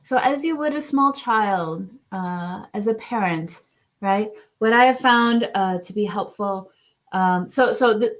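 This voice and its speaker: Soft-spoken woman gently guiding self-care. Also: mid-range voice. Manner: soft, soothing, often drops to a hush; frequent checking "right?", searching restarts. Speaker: wellness teacher.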